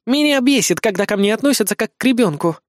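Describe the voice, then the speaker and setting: A reader voicing a haughty, tiny female pop idol who holds a general's rank, indignant and quick to snap. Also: medium pitch, darkish tone, dry recording, clean studio sound, pitched above the performer's own voice, natural voice. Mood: irritated. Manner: snappy, indignant, easily irritated. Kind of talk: audiobook character voice.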